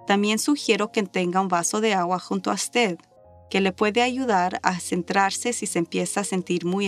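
A woman with as her leads a scripted guided meditation. She speaks slowly and in a measured, instructional way, at a medium pitch. Faint music plays behind her voice.

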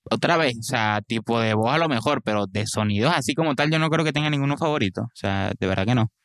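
Young man, Venezuelan accent, rapid talk, blunt and incredulous, heavy slang, casual podcast, dry close sound. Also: mid-range voice, a bit bright, no echo. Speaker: podcast co-host. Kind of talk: casual chat.

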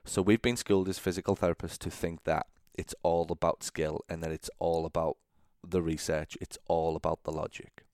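Brief: young adult male podcast host, very low voice, chatty solo monologue, dry close sound. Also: flat delivery, normal speed, few pauses, darkish tone, no room sound. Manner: conversational, checks in with "okay?", frequent fillers and restarts.

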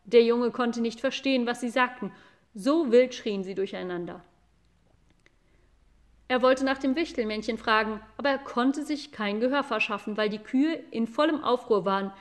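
A woman narrating an audiobook children's classic in a calm, measured storytelling manner. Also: fairly high pitch.

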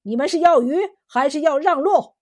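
A defiant fisherman leader, voiced by a woman telling a folk tale, calls out loud and proud. His voice rings high and bright with scorn. He sounds like a storybook hero who bows to no one. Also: normal speed, close to an everyday voice. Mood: mocking.

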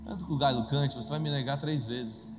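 A Brazilian man voicing Jesus as a calm, grave male teacher, speaking low, slow and solemn. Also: natural voice. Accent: Brazilian Portuguese. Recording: echoey hall with soft music.

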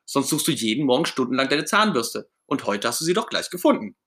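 A man's voice: mid-range voice, big pitch swings, brisk, a bit bright, pitched above the performer's own voice. A man voicing Ernie, a cheerful, eager male puppet friend, in a storybook read-aloud.

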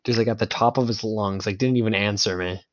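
Casting: young adult man, fairly low voice, casual joking gamer-bro banter among friends, dull lo-fi recording. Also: fairly even intonation, quick pace. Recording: dull lo-fi mic sound.

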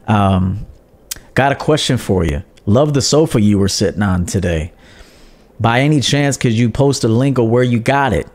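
A man doing a polite flattering male fan. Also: low-pitched, very slow, vocal fry, hardly any pauses, pitched below the performer's own voice, full character voice. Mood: courteous. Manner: courteous, flattering. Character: polite male fan leaving a respectful comment.

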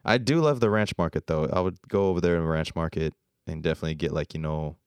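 A man's voice: deep voice, fast, darkish tone, clean tone, no echo. A young man co-hosting a podcast, easygoing and slangy, often trailing off mid-thought. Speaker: podcast co-host. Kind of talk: casual chat.

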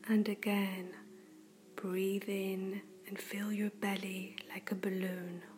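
Slow whispering woman guiding a meditation. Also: medium pitch, little pitch movement, soft background music. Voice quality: soft whispered delivery. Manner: slow, gentle and soothing. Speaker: meditation guide. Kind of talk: guided breathing meditation.

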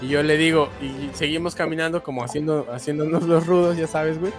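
Man, Mexican accent, young adult, streamer, animated slangy storytelling, slightly high pitch, faint music behind. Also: fairly quick. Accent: Mexican Spanish. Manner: slangy, animated, says "güey" constantly. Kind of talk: casual storytelling.

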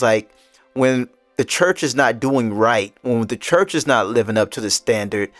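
A man's voice: medium pitch, dry recording. Earnest man leading a Bible study. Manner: earnest, laughs easily. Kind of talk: casual Bible study discussion.

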